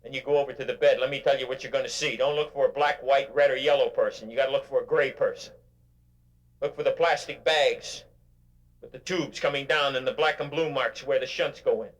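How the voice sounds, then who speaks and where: An older man giving a motivational keynote speech to a live audience, in an animated, emphatic, preacher-like way. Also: medium pitch, a little fast. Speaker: motivational speaker.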